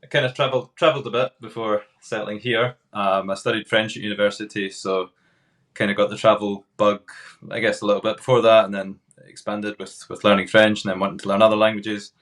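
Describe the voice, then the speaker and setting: Scottish man, 30s, low steady voice, easygoing interview guest. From Scotland, Glasgow. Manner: relaxed, unhurried, frequent hesitant fillers. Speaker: podcast guest, tour guide. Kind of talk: casual interview chat.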